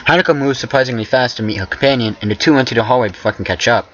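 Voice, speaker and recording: A man's voice: mid-range voice, rapid-fire, fairly bright tone, muffled recording. A man reading a visual novel aloud for a let's play, stumbling over words and tossing in joking asides. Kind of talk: casual let's play narration.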